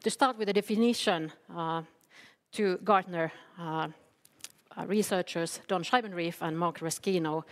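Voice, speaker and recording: A woman's voice: lowish voice, a little slow. A Finnish woman, a company CEO, giving an earnest conference talk with many fillers and restarts. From Finland. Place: event hall. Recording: long hall reverb from a public address system.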